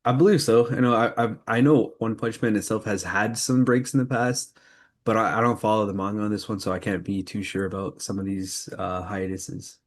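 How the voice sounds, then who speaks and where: A podcast co-host with a lowish, steady, brisk voice leads the segments of a casual anime news roundup, speaking informally.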